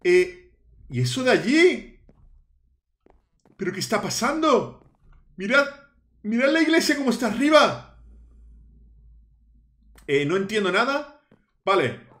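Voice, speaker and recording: A man's voice: sits high, very animated, slow, long pauses, a bit bright, roomy sound. A man narrating his Minecraft play as a youtuber, hamming up fear and shrieking at scares. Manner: dramatic, shrieks in mock fear, talks to viewers. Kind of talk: Halloween let's play, playacted fright.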